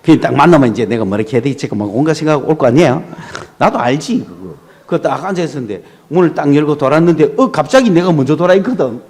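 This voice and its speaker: Middle-aged male pastor, high and very lively voice, animated sermon storytelling. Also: quick pace. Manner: animated storytelling, rhetorical questions to the congregation.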